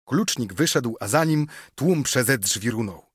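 A man narrating an epic poem in a measured, dramatic audiobook reading. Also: mid-range voice, lively intonation, breathy edge, no echo, studio quality.

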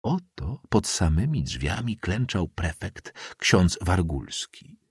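Mężczyzna czytający powieść jako lektor audiobooka, wyważenie i ekspresyjnie. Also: male voice, low voice, husky, no room sound, clean studio sound. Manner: measured, expressive reading. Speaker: audiobook narrator. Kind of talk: scripted literary narration.

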